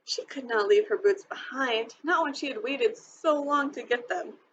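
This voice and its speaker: A woman teacher reading a children's novel aloud, expressive and clear. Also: high voice, normal speed, highs cut off, slight background noise. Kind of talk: storybook read-aloud.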